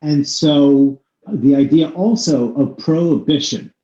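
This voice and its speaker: A podcast host with a mellow, darker voice, talking through ideas in long, winding stretches and leaning hard on points he cares about. He sounds a bit muffled in a room with plenty of echo. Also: fairly high pitch, takes it slowly. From United States. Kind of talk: conversational interview. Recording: echoey room, slightly dull sound.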